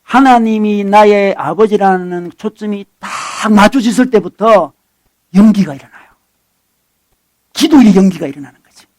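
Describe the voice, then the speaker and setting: A middle-aged man preaching a sermon as a pastor, conversational and animated, swinging between loud bursts and soft asides. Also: high voice, normal speed, pauses often. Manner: acts out dialogue with his son.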